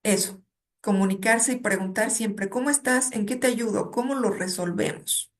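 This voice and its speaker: A woman's voice: medium pitch, normal speed. A woman, a guest academic who speaks in a reflective, conversational way and illustrates her points with personal anecdotes. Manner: reflective, tells stories and checks in with '¿no?'.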